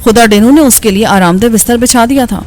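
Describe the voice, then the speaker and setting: A woman's voice: on the high side, a little mellow. Woman narrating an audiobook thriller.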